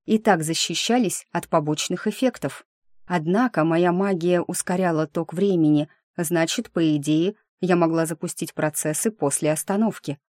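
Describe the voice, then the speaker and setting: A woman telling a first-person fantasy story as an audiobook narrator, with lively, engaged storytelling. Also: fairly low pitch, no room sound, clean studio sound.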